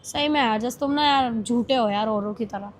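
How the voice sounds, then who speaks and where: A woman's voice: a little high, normal speed, a little hiss or hum. A young woman scolding and pleading with her partner in a casual vlog, her voice rising as she argues. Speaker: vlogger. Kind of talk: casual argument on a prank vlog.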